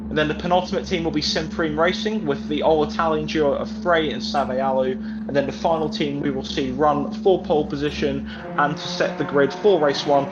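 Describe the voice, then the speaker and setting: A man's voice: a little high, steady tone, very noisy. A man commentating a sim racing event live, reeling off team results and standings with dry asides. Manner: rapid stat-heavy team rundown, dry asides. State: slightly out of breath. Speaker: esports race commentator. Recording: dull lo-fi stream audio.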